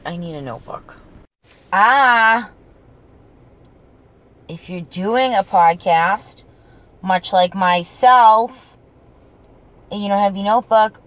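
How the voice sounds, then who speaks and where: A woman with a New England accent who drops the G at word endings, rambling casually as a solo podcast host in a sweary, self-mocking way. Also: on the low side. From New England, United States.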